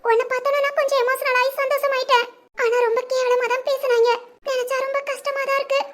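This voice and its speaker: A performer voicing a shy, sentimental young woman in a southern Tamil Nadu accent, in an animated family drama. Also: quick pace. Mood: relieved. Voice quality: very high squeaky cartoon voice. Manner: soft, pleading, sentimental.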